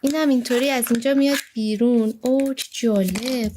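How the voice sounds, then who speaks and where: A woman chatting to her viewers while unboxing collectible toys, gushing with excitement and calling out to her audience often. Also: a little high, a little hiss or hum. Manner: excitable, gushing, frequent squeals of delight; addresses viewers warmly and often. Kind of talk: casual unboxing chat to viewers.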